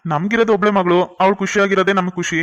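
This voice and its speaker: A kindly cartoon father who speaks gently and reassuringly, as a man voices him. His voice is rather high and stays level. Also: fairly even intonation, fast talker, dull audio. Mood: generous. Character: kindly middle-aged uncle and father. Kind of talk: cartoon voice acting.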